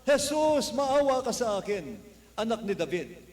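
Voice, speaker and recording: A man voicing a blind male beggar who shouts and pleads for mercy. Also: high-pitched, lively intonation, a little fast. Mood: pleading shout.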